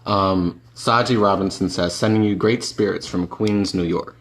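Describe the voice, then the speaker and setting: A man's voice: low voice, fairly even intonation, moderate pace, a little hiss or hum. A man reading viewer comments aloud on a live stream, hesitant with ums. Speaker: comment reader.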